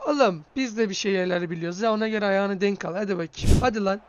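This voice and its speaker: Excitable young-sounding man gaming. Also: sits high, quick pace, clean tone, dry recording, muffled recording. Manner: excitable, swears, shouts at goals. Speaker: gaming streamer. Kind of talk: live football game commentary.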